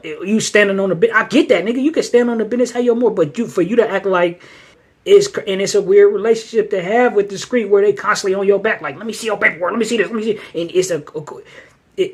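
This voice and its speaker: A man's voice: sits high, slightly rough. A man hosting a casual commentary channel, talking loosely in street slang about an ongoing case. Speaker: show host.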